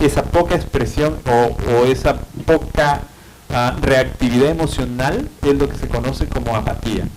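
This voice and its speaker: A man with a Peruvian Spanish accent delivers a university lecture at a middle pitch. He explains patiently, padding his points with fillers and tag questions. Clear background noise runs under the recording. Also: normal speed. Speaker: psychiatry lecturer.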